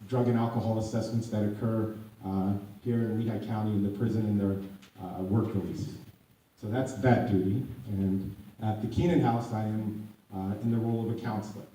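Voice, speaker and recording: This American man, an addiction counselor on a community panel, is losing his voice as he talks in public. His lowish, mellow tone carries a faint hiss or hum, and he keeps restarting phrases while growing more emphatic. The audio is distant and echoey.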